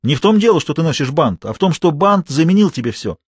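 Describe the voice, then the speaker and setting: A level-headed teenage leader reasons with his peers calmly, as a male reader puts him on. The audiobook sound is dry and close, the pitch lively. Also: quick pace, husky, no echo. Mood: reasoned.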